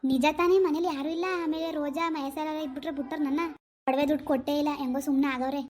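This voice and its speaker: A woman's voice: sits high, steady tone, racing, darkish tone, lightly acted. A woman voicing a young married village daughter in a cartoon, nervous and pleading. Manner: nervous, pleading, tearful begging. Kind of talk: cartoon voice acting.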